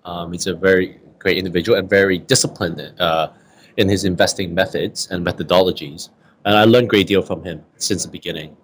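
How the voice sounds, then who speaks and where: A man from Hong Kong and the Bay Area, answering interview questions about venture investing in a halting way, with many fillers and repeated words. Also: sits low, fairly even intonation, slight background noise. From Hong Kong and the San Francisco Bay Area. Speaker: venture capital guest.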